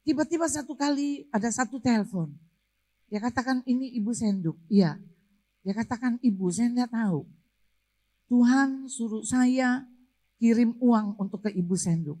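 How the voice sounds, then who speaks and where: A woman's voice: a little high, mellow. A middle-aged woman pastor preaching a sermon with a personal testimony, moving from storytelling to fervent exhortation. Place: church service.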